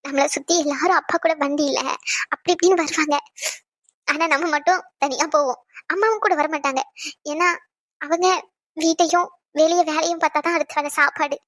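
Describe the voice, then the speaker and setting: A woman plays a young expectant wife in a cartoon, jealous of her unborn daughter and teasing her husband. The voice is very high and rapid, with a dry, close sound. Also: fairly even intonation, a bit bright, no room sound. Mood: tender, wistful. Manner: playful, scolding, then tender.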